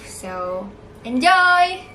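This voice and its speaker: A woman's voice: sits high, sing-song, very slow, pushed and bright, reverberant, a little hiss or hum, rough recording. A young woman in a casual Q&A vlog, chatty and a little nervous, mixing in English words. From Indonesia. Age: young adult. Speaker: YouTuber.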